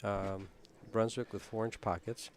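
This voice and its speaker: A man from Tucson commentating a pool tournament in a relaxed, knowledgeable, chatty way. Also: lowish voice, unhurried, slight background noise. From Tucson, Arizona. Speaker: play-by-play commentator.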